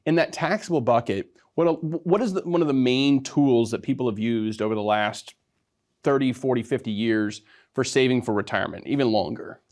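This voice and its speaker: A man hosting a financial advice show, talking briskly and conversationally with wry asides. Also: mid-range voice, darkish tone. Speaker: financial advisor host. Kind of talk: explanatory radio talk.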